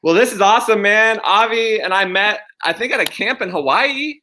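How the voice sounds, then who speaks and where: A man co-hosting a casual chat show, upbeat and energetic. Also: high-pitched, moderate pace, a little hiss or hum. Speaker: co-host.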